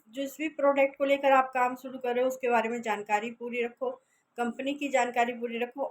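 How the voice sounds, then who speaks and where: Woman motivational speaker, high voice, earnest and coaxing, plain chatty delivery. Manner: earnest, persuasive, tells a fable. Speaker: network marketing motivational speaker. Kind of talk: casual motivational talk.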